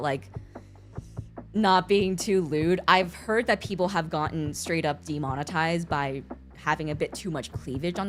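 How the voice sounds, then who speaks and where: A young woman born in China and brought up in the US from about age six chats casually as a streamer. She speaks with an American accent, Mandarin being her first language, and comes across giggly and talkative. Her mid-range voice is a bit bright.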